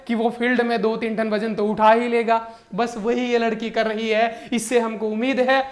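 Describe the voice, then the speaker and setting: A man, teaching exam current affairs through jokey mnemonics in an animated, playful way. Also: extremely high pitch, moderate pace. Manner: animated and joking, keeps calling the viewer brother. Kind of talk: comic mnemonic lesson.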